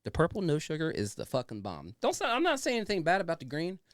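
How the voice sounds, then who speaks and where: Male podcast host, chatty and enthusiastic, lively pitch swings, close dry sound, informal and sweary. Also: quick pace, no room sound. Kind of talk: casual chatty show introduction.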